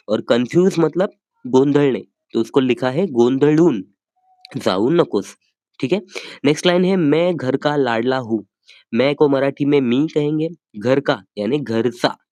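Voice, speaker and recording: A man teaching a language lesson, patiently repeating each phrase slowly and checking that listeners follow. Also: fairly high pitch, darkish tone, no echo. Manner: says phrases slowly and carefully for practice.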